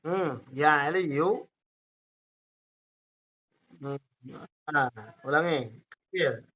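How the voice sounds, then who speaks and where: A man's voice: fairly high pitch, very slow, bright, forceful tone. A man with an Indonesian accent teaching an Arabic grammar class, explaining patiently step by step and checking in often.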